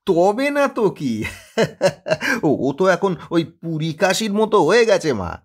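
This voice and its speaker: A man's voice: medium pitch, wildly swooping pitch, unhurried, slightly rough, exaggerated voice. A man voicing a flustered, evasive grown son in an audio story, over-talkative and stammering. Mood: eager.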